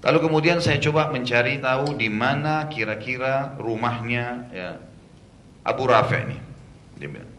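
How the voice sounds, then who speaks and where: Male preacher, storytelling lecture, animated retelling, casual asides, bright voice, echoey room. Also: moderate pace. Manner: animated retelling, acting out the characters' lines; casual asides with conversational fillers. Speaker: Islamic preacher. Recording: roomy echo with faint rumble.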